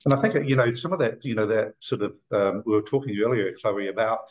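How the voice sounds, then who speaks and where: A man's voice: lowish voice, a little fast, rough recording. A man in his sixties from New Zealand, a guest talking casually on a video call and rambling with many fillers and restarts. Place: office room indoors.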